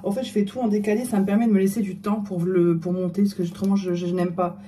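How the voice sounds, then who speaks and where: A woman's voice: medium pitch, level tone, quick pace, dark tone, slight background noise. A middle-aged woman chatting casually in her vlog, self-mocking and hesitant, often trailing off with fillers. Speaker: vlogger.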